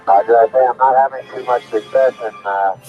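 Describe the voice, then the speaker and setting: A man's voice: medium pitch, fairly even intonation, a little fast. Man on crackly space radio. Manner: clipped and matter-of-fact. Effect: crackly space radio transmission. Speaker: astronaut. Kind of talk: mission radio chatter. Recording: muffled archive radio with music behind.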